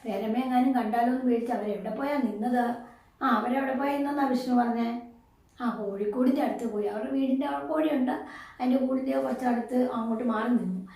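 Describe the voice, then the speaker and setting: A woman's voice: a little high, fairly quick, a little mellow. A woman teacher, explaining a story to her class. She asks the pupils questions and answers them herself. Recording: echoey room, voice from far off.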